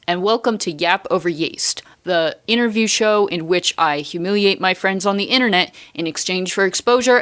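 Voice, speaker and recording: A woman's voice: lowish voice, fairly bright tone. Young woman hosting with dry playful jokes. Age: young adult. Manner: playful mock-formal, dry joking. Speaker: host. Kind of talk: casual chat interview.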